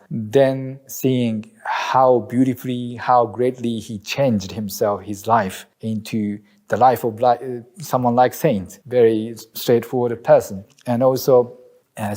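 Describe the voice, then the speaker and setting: A Japanese man, an imam, speaks earnestly and reflectively in a testimony interview, with a Japanese accent and a medium-pitched, slightly mellow voice. Now and then he pauses to search for words.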